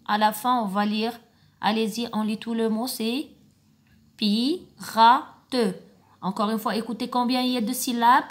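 Slow, encouraging woman kindergarten teacher. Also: fairly high pitch, fairly even intonation. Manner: slow, encouraging, praising often. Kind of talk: recorded remote reading lesson for young children.

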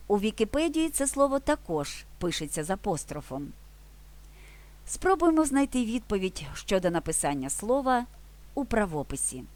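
A woman teaching a language lesson, reading rules and spelling out letters one by one in a clear, deliberate way. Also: mid-range voice, a little mellow. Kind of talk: scripted lesson narration.

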